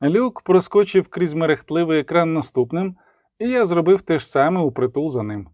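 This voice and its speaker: A man reading an audiobook as narrator, with lively dramatic emphasis and the dialogue lines voiced. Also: a little high, moderate pace, no echo, clean studio sound. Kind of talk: scripted narration.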